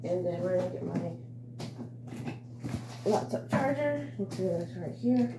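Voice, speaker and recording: A woman's voice: lowish voice, takes it slowly, creaky. A young woman vlogging as she gets ready in the morning, rambling and chatty with lots of fillers, in a groggy morning voice. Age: young adult. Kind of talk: casual get-ready-with-me vlog. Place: home, indoors. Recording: roomy echo with steady background noise.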